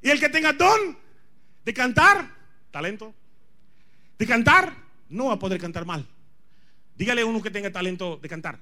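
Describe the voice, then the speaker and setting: High-pitched male preacher, non-native Spanish speaker. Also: expressive, normal speed, long pauses, bright, forceful tone. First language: not Spanish. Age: 40s. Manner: emphatic, repeats phrases, questions the congregation. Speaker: pastor preaching. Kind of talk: charismatic church sermon.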